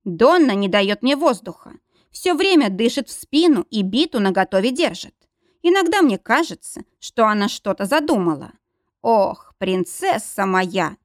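A woman's voice: fairly high pitch, big pitch swings, moderate pace, no echo, clean studio sound. A woman voicing a jealous, grumpy man of seventy-five who grumbles and sulks. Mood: sulky. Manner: grumbling, sulky. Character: jealous grumpy 75-year-old man lover.

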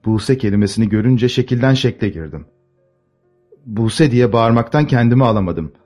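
A man narrating a classic novel as an audiobook, measured and expressive. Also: mid-range voice, soft background music.

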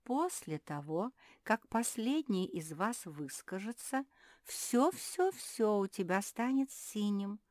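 A woman's voice: medium pitch, very animated, takes it slowly, darkish tone, no echo, clean studio sound, voice pushed up. Woman doing a solemn storybook fairy. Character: mysterious promising fairy.

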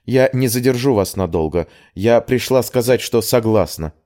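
A man's voice: mid-range voice, lively intonation, normal speed, dark tone, voice pushed up, lightly acted. A man voicing a proud, upset young noble heroine in an audiobook, speaking in emotional, pleading questions. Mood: determined.

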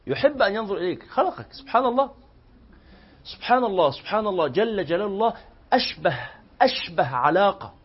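A man's voice: high voice, breathy edge, highs cut off. A man with an Egyptian accent teaching a religious lesson to a class, telling stories and acting out both sides of the dialogue. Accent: Egyptian Arabic. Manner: lively storytelling that acts out both sides of quoted dialogue. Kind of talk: lecture to a live class.

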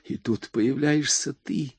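A man reading an audiobook voices a frightened, bitter young woman with a sharp, mocking tone. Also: mid-range voice, takes it slowly, slightly rough, no echo, pitched above the performer's own voice. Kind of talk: audiobook dialogue.

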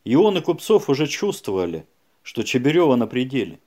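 A man narrating a crime audiobook in a lively way, with chatty asides to the listener. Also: mid-range voice, a little fast.

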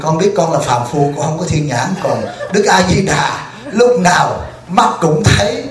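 A man's voice: a little high, expressive, moderate pace, voice pushed down, natural voice. A man voicing the Buddha Amitabha as a weary old male deity who complains with exasperation in an echoey hall. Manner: lamenting, exasperated, half-joking.

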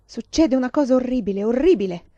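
A woman reading aloud, voicing a distraught, grieving young man who shouts in anguish. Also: fairly high pitch, lively intonation, fast, dry recording, muffled recording, voice pushed up. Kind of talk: audiobook reading of a novel.

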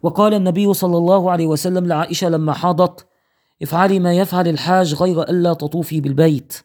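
A man's voice: high-pitched, steady tone, fast talker, a little mellow. A man teaching Islamic jurisprudence, reading a fiqh text aloud, counting off points in order and citing his sources.

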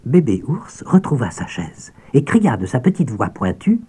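A man narrating a children's audiobook with expressive storytelling and soft asides. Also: mid-range voice, measured pace, husky.

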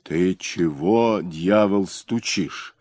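A man voicing a fat, lazy, greedy provincial governor who talks in a gruff, bullying way. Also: low voice, drawn-out words, darkish tone, dry recording, studio quality, heavily acted.

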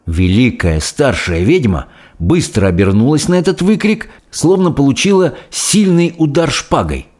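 A man narrating a storybook in an expressive, dramatic way. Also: medium pitch, moderate pace. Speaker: audiobook reader.

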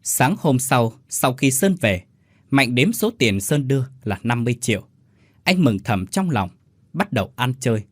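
Expressive male ghost-story narrator. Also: medium pitch, no echo. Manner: dramatic, expressive reading.

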